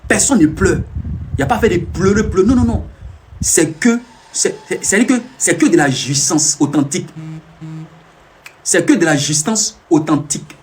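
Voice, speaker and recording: Young male live streamer, brags and teases while repeating himself, pitched high and lively. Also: normal speed, a little hiss or hum. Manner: boastful, teasing, repeats phrases over and over. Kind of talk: casual boastful live-stream talk.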